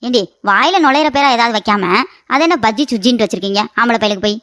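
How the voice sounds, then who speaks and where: A woman voicing a bickering older mother-in-law in a cartoon comedy, scolding with quick sarcasm. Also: on the high side, fairly bright tone, no echo, clean studio sound, close to an everyday voice.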